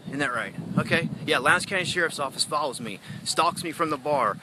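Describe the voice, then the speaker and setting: A man's voice: fairly high pitch, a little fast, noisy background. A man ranting in an emotional phone livestream, heated and accusatory, rambling with many asides. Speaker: citizen activist livestreaming.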